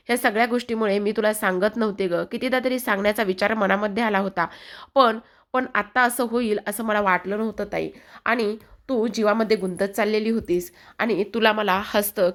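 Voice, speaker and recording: A woman's voice: mid-range voice, close to an everyday voice. A woman voicing a young woman who pleads with her silent older sister, raising her voice in insistent begging.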